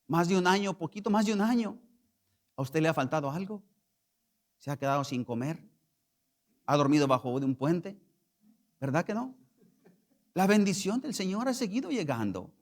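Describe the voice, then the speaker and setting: A man's voice: a little high, lively intonation, normal speed, pauses often. A man preaching a Spanish-language sermon as pastor, questioning the congregation and reading scripture with rising emphasis. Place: church sanctuary.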